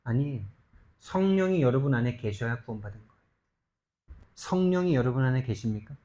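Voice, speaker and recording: A male pastor preaching a sermon, emphatic and full of rhetorical questions, swinging between loud urgent stretches and soft low asides. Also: expressive, fairly quick. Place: church sanctuary.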